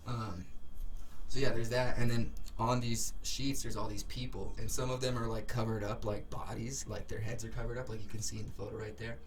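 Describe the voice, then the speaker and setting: A man's voice: medium pitch, flat delivery, brisk, distant mic, a little hiss or hum. A man casually rambling through his recollection of a dream in a hazy, puzzled way, searching for words and unsure of details, in slangy everyday speech. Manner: slangy, informal. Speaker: vlogger recounting a dream.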